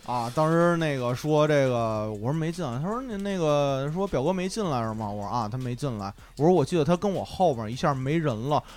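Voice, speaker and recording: A young man, a podcast co-host, telling a story in casual chat, excitable and swearing often. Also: a little high, a little fast, hardly any pauses.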